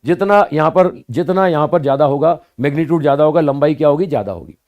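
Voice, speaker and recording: A man teaching physics to students, explaining slowly and repeating points, often asking rhetorical questions and answering them himself. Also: a little high, narrow, tinny audio. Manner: addresses students as "bhaiya" and "sahab". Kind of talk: classroom lecture.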